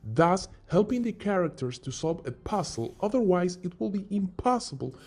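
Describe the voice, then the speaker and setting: Background music runs beneath a man's high, sing-song, slightly mellow voice, which moves at a moderate pace. He hosts a scripted top-five video game rundown, casually posing questions and supplying the answers himself.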